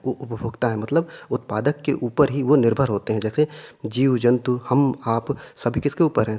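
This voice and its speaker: With a dark-toned, mid-range voice, a man runs an exam review lesson. He throws questions at his listeners, answers them himself, and keeps restating the essentials.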